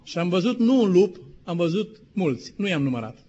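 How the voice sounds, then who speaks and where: A middle-aged man from Romania, a pastor preaching a sermon and telling stories, who slows down for quotations and asks the congregation questions. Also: sits high, big pitch swings, warm tone, slight background noise. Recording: dull lo-fi sermon recording.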